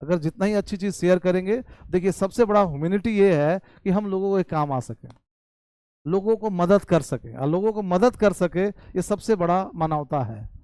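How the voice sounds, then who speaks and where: A man teaching spoken English in Hindi with an Indian English accent, reading English sentences slowly and explaining them quickly. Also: sits high, smooth, dry recording. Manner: addresses viewers warmly as "bhai" and "babu".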